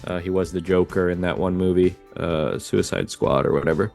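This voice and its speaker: Deep-voiced slow-speaking man. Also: creaky, faint music behind. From United States. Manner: relaxed, thoughtful, hedging. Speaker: native English-speaking conversation partner. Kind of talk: casual conversation.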